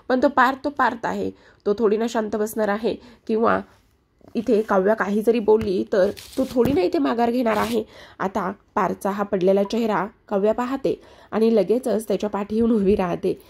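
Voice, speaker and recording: A woman's voice: medium pitch, creaky, a little mellow, husky. A woman retelling a TV serial episode as a story, reading out every character's lines herself. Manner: plain retelling that reads out every part herself. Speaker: serial recap narrator.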